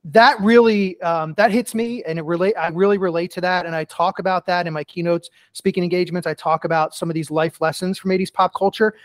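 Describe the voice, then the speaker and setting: A middle-aged man, a guest author and keynote speaker, tells earnest stories in a casual podcast interview, often filling gaps with "you know." His voice sits high with a steady tone, moving fairly quickly with hardly any pauses, in a dry recording.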